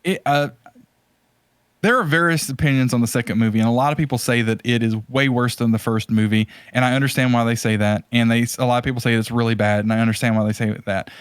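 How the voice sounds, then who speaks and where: A podcast host with a mid-pitched, steady voice rattles off casual, opinionated film commentary at a fast clip, rambling and looping back on phrases to hammer each point home. The recording is clean and dry, with no echo or room sound.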